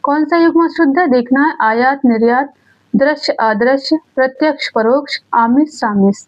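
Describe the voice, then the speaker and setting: Female teacher, high voice, exam-prep lesson; poses then answers her own questions, muffled lo-fi audio. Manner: repeats key words slowly. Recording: dull lo-fi sound.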